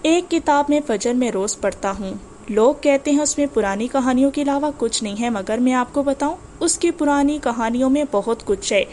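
A woman's voice: high-pitched, few pauses, darkish tone, a little hiss or hum, close to an everyday voice. A woman doing a defiant young man. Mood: earnest.

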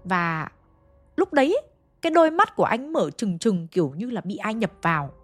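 A woman's voice: mid-range voice, sing-song, moderate pace, soft background music. A woman narrating a ghost story in a chatty way, talking straight to her listeners. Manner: chatty, addresses listeners directly.

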